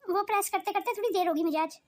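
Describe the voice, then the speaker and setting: A woman's voice: very high-pitched, fast. A woman doing a meek young daughter-in-law. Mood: gentle. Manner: gentle, pleading. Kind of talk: cartoon voice acting.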